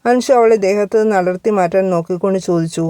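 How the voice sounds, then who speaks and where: Woman storyteller, steady measured storybook narration, mellow and smooth. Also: mid-range voice, dry recording, studio quality.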